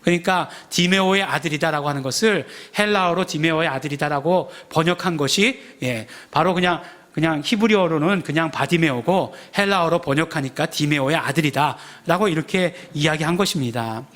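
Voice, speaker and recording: A man's voice: on the high side, fairly quick, hardly any pauses. A man preaching a sermon as pastor, in a conversational manner full of rhetorical questions and acted-out quotes. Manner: acts out shouted quotes of the crowd. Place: church sanctuary.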